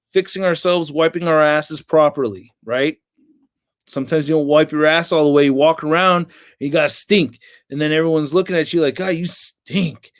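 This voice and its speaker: A man's voice: medium pitch, dry recording, studio quality. Tired, rambling man in his late thirties. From United States. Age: late 30s. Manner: rambling, crude jokey talk with lots of fillers. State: tired and yawning. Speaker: toy reviewer and livestream host. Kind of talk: casual livestream chat.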